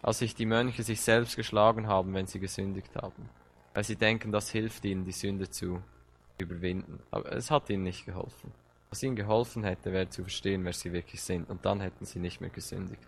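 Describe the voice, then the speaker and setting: Lower-voiced man preaching with fervor. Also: fairly even intonation, a little fast. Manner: impassioned, direct address with rising emphasis and repeated words. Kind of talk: sermon.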